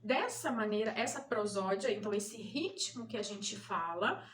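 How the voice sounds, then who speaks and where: Speaking at a moderate pace in a mid-range, animated, fairly bright voice, this Brazilian mom and channel host walks parents through terminology. She's didactic, restates the main ideas, and keeps asking "né?" and "tá?" to make sure listeners follow.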